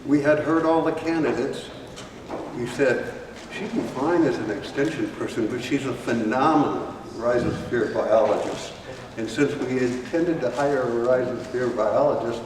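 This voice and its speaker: A man gives a relaxed, storytelling introduction of a conference speaker. His voice sits in a middle register and comes from far off in a very echoey hall, with clear noise behind it. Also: medium pitch. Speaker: faculty colleague introducing the speaker. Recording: echoey hall, distant mic, background noise.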